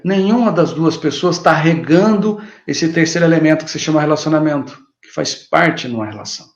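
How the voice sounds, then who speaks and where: A man's voice: a little high, muffled recording. A man with a Brazilian Portuguese accent giving a motivational self-help talk, speaking straight to the listener in a coaxing, repetitive way. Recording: roomy, echoey room sound.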